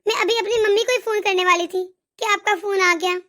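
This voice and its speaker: A woman voicing a young daughter-in-law in an animated moral story, complaining and pleading. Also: very high voice, fairly quick. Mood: upset. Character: young wife, hurt and fed up.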